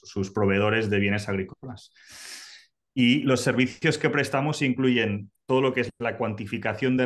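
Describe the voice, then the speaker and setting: Man Barcelona, low voice, measured expert guest on a video call. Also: fairly bright tone. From Barcelona, Spain. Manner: measured, explanatory, with "eh" fillers. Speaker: guest consultant. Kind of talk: expert explanation.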